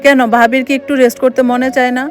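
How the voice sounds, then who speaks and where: A woman's voice: high-pitched, flat delivery, fast, soft background music, lightly acted. A woman voicing a kind, outspoken young sister-in-law. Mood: indignant. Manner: friendly, chatty, turns indignant in defense.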